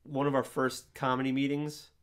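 A man in his thirties with a noticeably nasal speaking voice co-hosts a comedy podcast. He rambles loosely, pokes fun at himself and jokes with his partner, in a mid-range pitch. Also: little pitch movement, normal speed. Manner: rambling, self-deprecating, joking. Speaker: podcast co-host. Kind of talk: casual chat.

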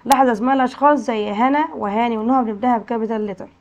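Egyptian lady teacher, slightly high voice, stretches words out slow for little kids. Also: fairly even intonation, a little mellow, dull audio. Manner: slow, drawn-out modelling of words and sounds for children. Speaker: English teacher for young children. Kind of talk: classroom lesson explanation.

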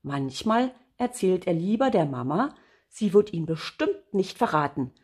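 An older woman reads a children's storybook aloud. Her voice is fairly low, soft and breathy, and she takes her time. She lifts and drops her pitch expressively. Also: measured pace. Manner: gentle, expressive read-aloud. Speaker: grandmother storyteller. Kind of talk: storybook reading.

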